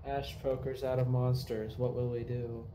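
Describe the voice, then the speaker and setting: A man's voice: mid-range voice, little pitch movement, moderate pace, mellow, a little hiss or hum. A man chatting casually with a friend during a game stream, teasing and cracking crude jokes. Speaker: co-player friend. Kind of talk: casual gaming chat.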